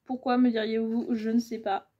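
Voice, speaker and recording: A woman's voice: a little high, flat delivery, moderate pace, dark tone, highs cut off. A woman in her twenties chatting casually about her reading pile, rambling with lots of fillers. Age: 20s. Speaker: booktuber. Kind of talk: casual book haul chat.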